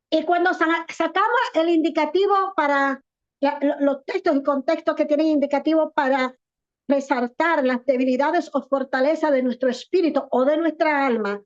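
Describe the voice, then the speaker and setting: A woman pastor with a high-pitched voice preaches a sermon. She is earnest, asks rhetorical questions and slows down to stress key words. The recording sounds dull and lo-fi. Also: darkish tone.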